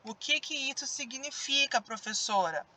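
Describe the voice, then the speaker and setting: A woman's voice: high-pitched, lively intonation, moderate pace, heavy background noise. A woman teacher with a Brazilian Portuguese accent giving a recorded grammar lesson for children, drawing out stressed syllables as she demonstrates words.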